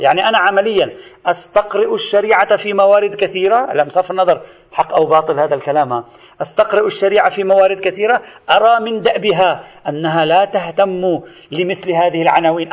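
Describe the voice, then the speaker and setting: A man's voice: high voice, muffled recording. A man lecturing to students in a recorded lesson, explaining step by step and addressing them directly.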